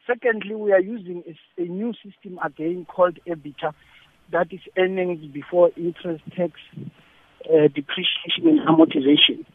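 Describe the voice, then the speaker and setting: A man, a union coordinator, talking on a phone line while holding the phone away from his mouth, so his halting words come out faint and fading. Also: sits high, expressive, gravelly, breathy edge, dry recording. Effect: phone held away from the mouth, faint and fading. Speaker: union energy sector coordinator. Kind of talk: radio phone-in interview. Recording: narrow tinny phone line.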